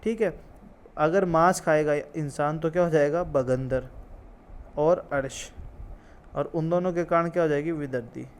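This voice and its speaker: A man's voice: on the high side, steady tone, measured pace, pauses often, a little hiss or hum. A man teaching an ayurveda exam lesson, repeating key terms, drilling memory tricks and asking and answering his own questions. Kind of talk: classroom-style lecture with memory tricks.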